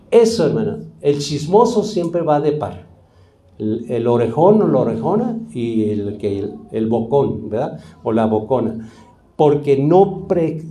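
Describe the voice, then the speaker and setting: A male pastor preaches in a loose, conversational way, firing questions at his congregation. His voice sits a little high yet sounds very dark and mellow. The echo of a large church room hangs around every word. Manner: conversational preaching, acts out gossipers, asks the congregation. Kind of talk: sermon.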